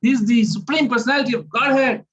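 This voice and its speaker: A man voicing a fiery, protective older-brother boy god who booms threats and then wails in helplessness. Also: quick pace, a bit bright. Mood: awed. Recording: dull lo-fi recording.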